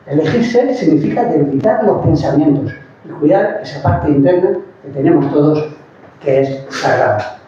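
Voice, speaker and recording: A man with a mellow, dark voice talks slowly and calmly about letting go of thoughts. He sounds far from the mic in a very echoey room, and the sound is dull with a faint hiss. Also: a little high. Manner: calm, measured, pausing. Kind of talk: reflective talk on mindfulness. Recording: distant, roomy and dull with faint noise.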